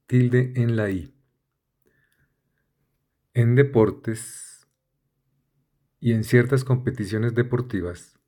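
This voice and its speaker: Spelling out letters and listing synonyms, a man with a dark voice on the low side reads dictionary entries aloud. His delivery is slow, deliberate, and methodical, like a vocabulary reader.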